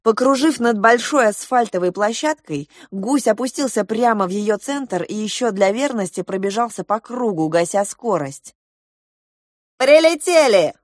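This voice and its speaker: A woman narrating a children's audiobook with lively storytelling. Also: mid-range voice, moderate pace, hardly any pauses, no room sound, studio quality.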